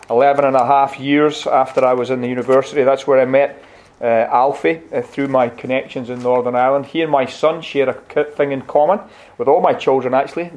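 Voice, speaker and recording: This middle-aged Scottish guest pastor speaks at medium pitch, preaching a friendly, lightly funny sermon and reading from scripture. The recording, made in a church sanctuary, has a lo-fi quality.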